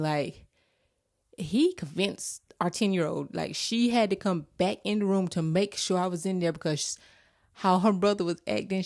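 A podcast host and mother in her thirties shares a family story conversationally, turning now and then to question her listeners. Her voice is mid-range and slightly mellow, with a dry, clean studio sound.

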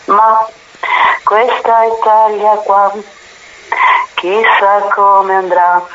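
A woman's voice: medium pitch, fairly even intonation, drawn-out words, a bit bright. A woman calling in and heard over a phone on speakerphone, chatting casually in a wry, grumbling way. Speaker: caller. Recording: muffled speakerphone line with faint noise.

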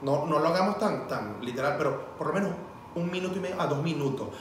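A man's voice: on the high side, fast. A man with a Venezuelan Spanish accent chatting casually, telling stories and acting out the voices of the people in them. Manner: animated storyteller acting out quoted dialogue. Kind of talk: casual chat. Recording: echoey room, far from mic, faint noise.

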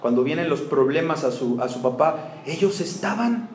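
A man's voice: fairly high pitch, lively intonation, normal speed. A man with a Mexican accent preaching a sermon, firing rhetorical questions and jokes at the congregation. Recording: roomy hall with faint background noise.

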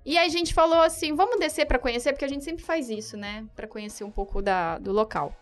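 Animated Brazilian woman telling a story. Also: sits high, fast, faint music behind. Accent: Brazilian Portuguese. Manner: animated, laughs often, acts out dialogue, frequent tag questions. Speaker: guest telling a travel story. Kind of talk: casual anecdote in conversation.

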